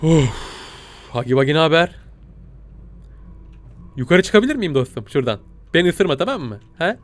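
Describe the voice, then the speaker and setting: A young man commentating a game he plays, panicking, shouting and laughing in mock fear. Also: on the high side, sing-song, normal speed. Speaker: gaming YouTuber. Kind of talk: excitable gameplay commentary.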